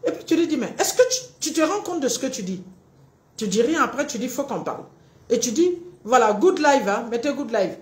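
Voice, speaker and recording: Woman, relationship coach, live-stream talk, acts out both sides, lively swooping pitch, roomy echo. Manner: animated, acts out both partners in quick little dialogues.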